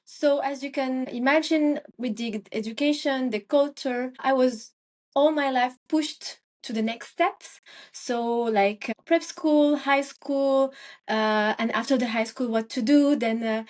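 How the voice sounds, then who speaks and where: A woman's voice: high voice, measured pace. A young woman from Morocco, a guest in a casual interview, talking with many fillers and restarts. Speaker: guest, Ayurvedic practitioner.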